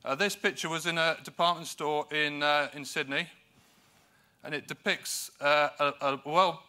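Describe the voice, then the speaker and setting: UK man presenting at a farming conference, very bright, tense tone, fairly high voice, dry humour. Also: fairly even intonation, moderate pace. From United Kingdom. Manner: dry, self-deprecating humour; hesitant fillers between points. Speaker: conference speaker.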